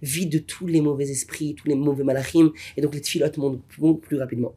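A man teaching a Torah lesson as a rabbi, an animated storyteller who drops to whispers and rises to exclamations. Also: a little high, fast, slightly rough.

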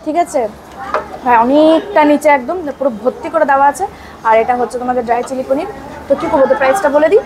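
Amid the noise of a packed restaurant, a woman food vlogger speaks in a high-pitched, fast voice. She chats casually and eagerly about the food, praising it over and over.

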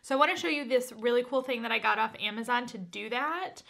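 A woman in her thirties with a slightly high voice, chatting informally to camera. She walks through home decor steps one by one, in a casual vlogger style. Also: quick pace, creaky, sharp tone. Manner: chatty, informal, explains step by step. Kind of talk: casual explanatory vlog talk to camera. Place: furnished living room at home, indoors.

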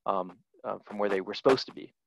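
A man's voice: fairly low pitch, fast, gravelly. A man in his forties, a guest lecturer on a video call, answering audience questions thoughtfully with fillers. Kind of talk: academic Q&A answer. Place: office with posters on the wall. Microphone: headset on a video call. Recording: dull video call audio.

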